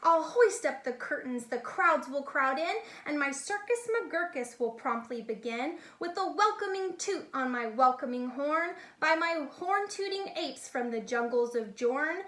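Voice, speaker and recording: A woman acts out an eager young boy from a storybook, a boastful dreamer playing circus ringmaster who barks his attractions like a proud showman. Her high, expressive voice is bright, singsong and unhurried, excited and showy, with rhyming grandiose patter echoing through a reverberant room.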